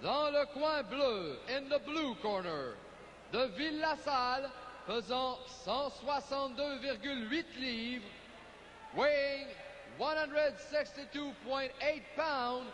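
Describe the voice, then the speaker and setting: Slow, high-pitched male boxing ring announcer. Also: a bit bright. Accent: Quebec French. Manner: booming, deliberate ring-announcer delivery. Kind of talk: formal bilingual ring announcing with drawn-out names. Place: indoor fight arena over loudspeakers. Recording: reverberant arena PA, faint noise.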